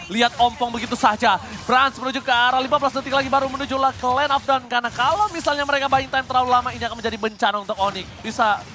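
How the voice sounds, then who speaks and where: A man casts a live esports match in a fighting game announcer style. His voice is very high and bright, with stretched, shouted calls. Faint noise sits behind him. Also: steady tone, rapid-fire. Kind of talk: live mobile game tournament commentary.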